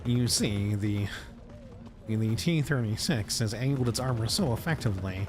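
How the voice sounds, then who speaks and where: A congested man voicing a pedantic, nasal male tank nerd who lectures slowly. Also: on the low side, noisy background, lightly acted. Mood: smug lecturing. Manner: slow know-it-all lecturing.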